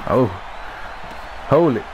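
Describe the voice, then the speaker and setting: Speaking slowly over a noisy, lo-fi recording with crowd sounds behind him, this young man runs a gaming channel and narrates his own football match as he plays. The commentary is full of hyped, profane, slangy trash talk, laughter and repeated catchphrases.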